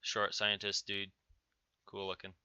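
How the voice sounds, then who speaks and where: A man's voice: lowish voice, monotone, measured pace, sharp tone, clear, resonant tone, no echo. A man giving informal, offhand commentary on game patch notes as a video host. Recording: dull, narrow-band sound.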